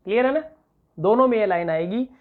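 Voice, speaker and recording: Rajasthani guy teaching exam prep, dictates slow, keeps asking if it's clear, sounds like a phone line. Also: sits high, lively intonation. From Rajasthan, India. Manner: dictates slowly, checks understanding often. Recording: tinny phone-like recording.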